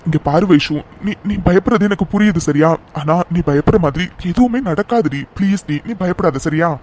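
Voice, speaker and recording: A man's voice: sits high, normal speed, darkish tone, a little hiss or hum, lightly acted. A man voicing a loving young groom in a cartoon, soothing and coaxing his frightened fiancée.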